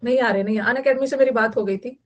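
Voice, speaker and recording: Woman, vocabulary teacher, online class lecture, chatty, repetitive, slightly high pitch. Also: quick pace, dull audio. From Bihar, India. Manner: chatty, repeats key words for note-taking.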